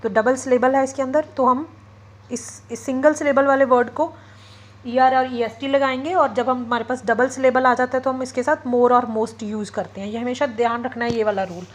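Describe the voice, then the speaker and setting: Female grammar teacher, slightly high voice, patient step-by-step explainer. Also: steady tone, normal speed, poor audio. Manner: explains step by step, often checks with "ठीक है" and "okay"; mixes English terms into Hindi. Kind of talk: classroom lecture.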